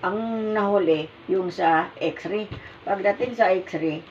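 An older woman with a Filipino accent, telling a personal story in a rambling, halting way, often searching for words. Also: medium pitch. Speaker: mother telling her story. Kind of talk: casual storytelling. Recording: muffled, distant, with background noise.

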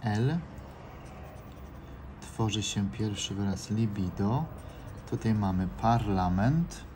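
Slow, low-voiced man reading letters aloud. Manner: reads out letters and words one by one in a calm, steady drone. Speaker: scratch-card vlogger. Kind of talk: casual scratch-off commentary. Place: indoors by an open window. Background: faint noise through an open window.

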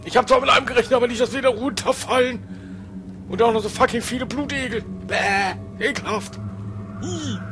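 A man's voice: very high voice, fairly quick, a bit bright, a little hiss or hum. A man commentating a video game as he plays, muttering to himself and shrieking when startled. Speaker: let's play gamer.

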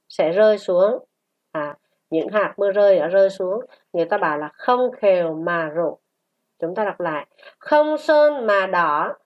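Slow woman teacher spelling syllables. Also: medium pitch. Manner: slow, spells syllables aloud and repeats rhymes. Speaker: primary school teacher. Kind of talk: first-grade reading lesson.

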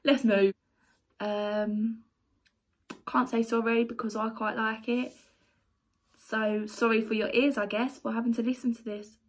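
A young woman talks straight to camera in a casual vlog, reading out viewer comments and firing back. Her voice sits a little high, and her delivery is chatty, blunt and dryly sarcastic. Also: level tone, measured pace, pauses often. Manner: reads comments aloud, then reacts. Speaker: YouTuber answering viewer comments.

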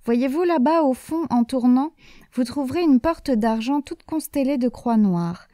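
A woman's voice: high-pitched, lively intonation, a little slow, dark tone, no room sound, studio quality. A woman voicing a kindly old male saint who keeps heaven's gate, genial and reassuring.

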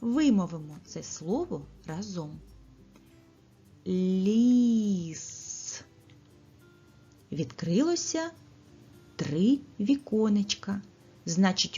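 A woman teacher speaks slowly and clearly to little children, her voice slightly husky and her pitch rising and falling a great deal. The recording sounds dull and lo-fi, with faint music underneath. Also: mellow. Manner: slow, carefully articulated, pauses for children's answers. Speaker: preschool teacher. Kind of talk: speech lesson for young children.

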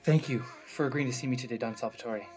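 An earnest, needy butcher played by a man in a mob comedy sketch. He speaks at a middle pitch with deferential eagerness, over faint background music. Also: fast, darkish tone, lightly acted. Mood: desperate, respectful. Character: desperate, deferential butcher begging a mob boss. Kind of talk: comedy sketch acting, mafia parody. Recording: music playing under the voice.

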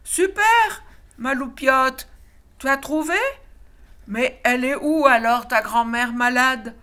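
A woman's voice: high voice, takes it slowly, pushed and bright, pitched above the performer's own voice, full character voice. A woman voicing a busy father wolf who lectures his cubs in a bossy way. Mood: lecturing.

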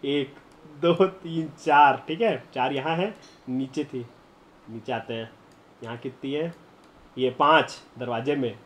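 A young man streaming a game live, chatting to viewers and breaking into excited shouts and laughter. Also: mid-range voice, takes it slowly, long pauses. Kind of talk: live gameplay commentary.

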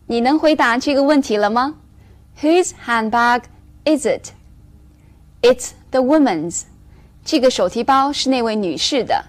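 A woman with a slightly high voice gives a recorded English lesson to Chinese learners. She explains in a clear, measured way and slows down to model the English phrases. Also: expressive. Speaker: English teacher.

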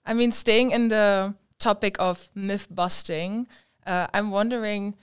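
A woman's voice: medium pitch, a little slow, smooth. Young woman hosting a podcast. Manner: lively, gestures with both hands while talking. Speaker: podcast host. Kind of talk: casual podcast interview. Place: room with large windows. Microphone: studio mic on a stand.

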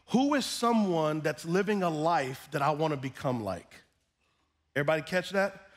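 A middle-aged man preaching a sermon on a church stage, animated and calling out to his congregation. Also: fairly high pitch. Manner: animated, gesturing, calls out to the congregation. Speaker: pastor. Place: large church stage with band gear.

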